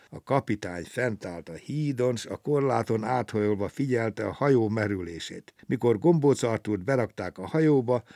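A man with a fairly low voice reads a children's story aloud, lively and expressive. The sound is close and dry, with no room echo. His telling shifts easily with the tale.

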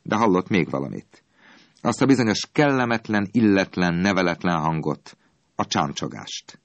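A man tells a storybook tale in an expressive, dramatic way. His voice sits very low. The recording is dry and close, with no room sound. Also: no room sound, dull audio. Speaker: narrator. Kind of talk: storybook reading.

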